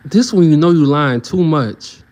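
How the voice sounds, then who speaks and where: Young man, reaction commentary, high lively voice, slangy, mocking, laughs a lot. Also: normal speed.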